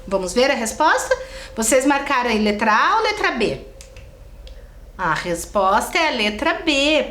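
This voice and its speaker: A woman's voice: on the high side, fairly bright tone. Brazilian lady teacher doing a video class, keeps asking the kids if they got it, voice goes all over, echoey room. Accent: Brazilian Portuguese. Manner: talks straight to the pupils and checks in often. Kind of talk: recorded video lesson for children.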